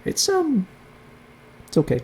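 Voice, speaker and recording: A man's voice: very high voice, wildly swooping pitch, measured pace, darkish tone, slight background noise. A man hosting a casual chat show, rambling and hesitant with many fillers and restarts. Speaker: host.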